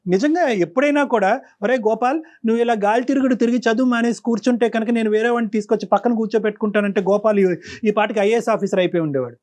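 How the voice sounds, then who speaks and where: A man's voice: high voice, quick pace, darkish tone. Questioning male counselor host. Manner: probing, questioning, moralizing. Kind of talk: talk show counseling.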